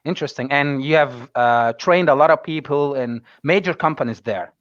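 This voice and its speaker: A man's voice: mid-range voice, moderate pace, no room sound, dull audio. A man from Egypt whose first language is Arabic, hosting and asking questions in English, hesitant and searching for words. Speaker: host and English instructor. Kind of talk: interview questions.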